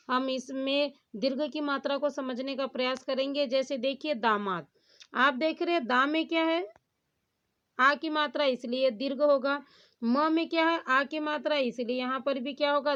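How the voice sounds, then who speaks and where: High-voiced woman teaching a grammar lesson. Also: normal speed, fairly bright tone. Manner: asks rhetorical questions and answers them herself. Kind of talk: classroom lesson explaining poetic meter. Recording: dull lo-fi sound.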